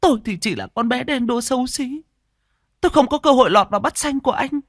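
Man voicing a jealous young woman, shrill falsetto, stammering, very dry audiobook sound. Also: fast, fairly bright tone, no echo, full character voice. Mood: hurt, furious. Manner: shrill, stammering when upset. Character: jealous young village woman, hot-tempered.

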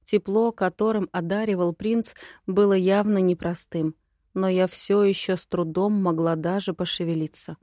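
A young adult woman narrating a fantasy audiobook in the first person, with an expressive, inner-monologue reading. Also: fairly low pitch, normal speed, no room sound, studio quality.

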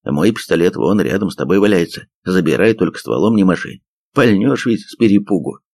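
Man doing a gruff sullen soldier. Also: deep voice, lively intonation, a little fast, darkish tone, exaggerated voice. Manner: grumbling.

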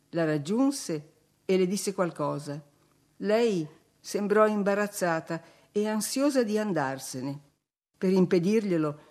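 A woman reading a classic novel aloud as an audiobook in a measured, expressive way. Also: lowish voice. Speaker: audiobook narrator. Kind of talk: literary audiobook narration.

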